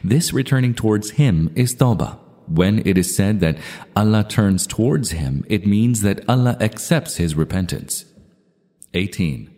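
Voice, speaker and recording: A man reads religious texts aloud in a measured, formal recitation and adds his own commentary. His voice sits low and sounds warm and dark. A long reverb trails each phrase. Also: expressive. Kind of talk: scripted reading with commentary.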